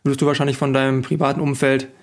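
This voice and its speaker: Casting note: male interviewer, monotone delivery, careful probing questions. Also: mid-range voice. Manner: measured, probing questions with hesitations. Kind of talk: casual conversation.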